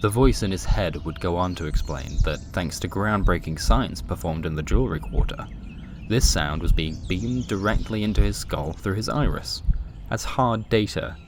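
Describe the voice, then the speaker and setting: Set against background noise, a low-sitting male voice moves at a moderate pace. The storyteller performs scripted, comic sci-fi narration with a dramatic yet wry touch.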